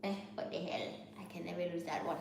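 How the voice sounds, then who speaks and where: Speaking quickly with fairly low pitch, fairly even intonation, and a creaky edge, this student vlogger has a Haitian Creole accent. She's candid and rambling about her studies, often restarting sentences and repeating herself, in a very echoey room with noise.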